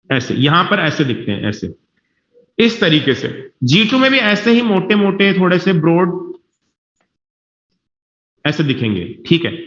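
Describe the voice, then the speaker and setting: Teacher guy, highish voice, keeps checking if the class gets it, roomy muffled recording. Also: a bit bright. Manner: reassuring, repeats himself, checks whether students follow. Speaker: biology teacher. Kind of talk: classroom lecture. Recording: dull, echoey classroom recording.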